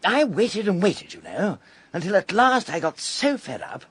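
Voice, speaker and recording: An actor playing an excitable, flustered young upper-class gentleman in a 1920s radio drama, gushing and jittery. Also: high-pitched, measured pace, husky, no echo, exaggerated voice. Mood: nervous. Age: young adult.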